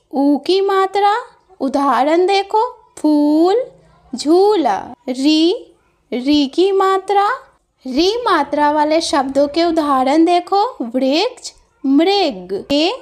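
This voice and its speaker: A woman's voice: extremely high pitch, darkish tone. A woman teaching a grammar lesson to children, speaking patiently and drawing out her example words. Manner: slow, patient, explains with drawn-out examples.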